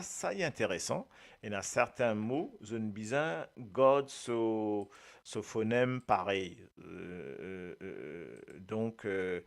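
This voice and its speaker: Mauritian male radio host, unhurried, hesitant chatty delivery with frequent laughs, talks to listeners by name. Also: fairly low pitch, vocal fry. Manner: hesitant, many filler sounds, laughs often, speaks to listeners by name. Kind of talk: casual radio talk about Creole words.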